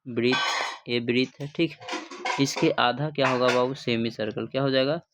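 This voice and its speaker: A man's voice: medium pitch, steady tone, moderate pace, heavy background noise. A male math teacher. He gives a livestream classroom lesson in call-and-response style, asking questions, repeating the answers and calling his students "babu".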